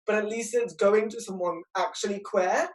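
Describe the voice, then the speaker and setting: A woman speaking on a livestream in a chatty, wry and animated way, with a roomy sound from a distant video-call mic. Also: mid-range voice, moderate pace. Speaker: panel guest. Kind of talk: livestream discussion.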